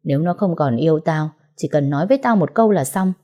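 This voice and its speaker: A woman's voice: low-pitched, lively intonation, quick pace, dull audio. A woman voicing a brash, heartbroken young woman with speech. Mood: emotional. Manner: loud, blunt, emotional. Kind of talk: audiobook character voice.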